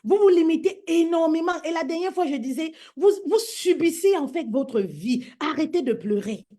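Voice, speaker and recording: Woman, high voice, fervent preaching, repetitive, emphatic. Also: lively intonation, normal speed, mellow. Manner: emphatic, repetitive, addressing listeners as "my queen". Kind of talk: preaching to women on social media live.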